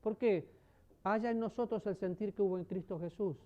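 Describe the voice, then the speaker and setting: A man preaching a sermon, asking the congregation questions and swinging between loud emphasis and soft, low passages. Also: moderate pace. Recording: dull lo-fi sermon recording.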